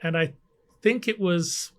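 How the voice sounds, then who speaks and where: A Canadian scientist in middle age, guesting on a conversational interview, speaks slowly in a high-sitting, somewhat bright voice. Hesitant, he leans on fillers and restarts, and the office he's in carries an air conditioning hum.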